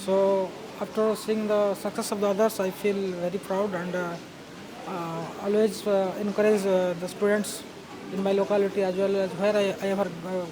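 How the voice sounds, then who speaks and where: Flat-voiced Indian man at a noisy event. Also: sits high, normal speed. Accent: Indian English. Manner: hesitant, many fillers. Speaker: award winner, engineer.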